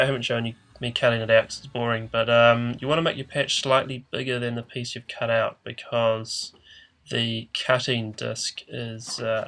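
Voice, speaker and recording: A man presenting DIY car repair gives an informal, hesitant how-to voice-over in a matter-of-fact manner. His mid-range voice has vocal fry and sounds pushed and bright, yet nasal and congested like a blocked nose. Background noise is noticeable.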